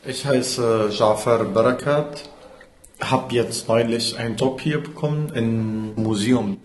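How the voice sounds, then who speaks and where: A man playing an undercover agent posing as a museum worker, speaking halting German with an Arabic accent and a blunt, swearing manner. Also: mid-range voice, echoey room, music in the background, lightly acted. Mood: deadpan.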